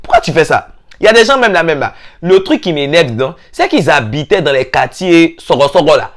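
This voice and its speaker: A young man with an Ivorian French accent tells a comic story as a vlogger, mimicking people with sudden high-pitched exclamations. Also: animated, a little fast. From Ivory Coast. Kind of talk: comedic storytelling monologue.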